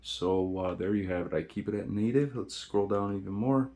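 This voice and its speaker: A man's voice: fairly low pitch, moderate pace, warm tone. A man hosting a casual video, walking viewers through settings step by step. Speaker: video host.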